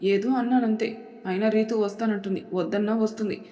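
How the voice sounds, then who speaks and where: A woman voicing a meek young wife who talks in a soft, apologetic way. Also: mid-range voice, steady tone, brisk, lightly acted. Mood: placating. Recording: long reverb.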